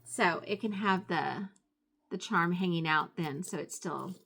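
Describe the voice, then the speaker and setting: A woman's voice: fairly low pitch, a little slow, gravelly, a bit bright. A woman chatting casually in a show-and-tell craft vlog, gushing appreciatively over the things she shows. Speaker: craft vlogger.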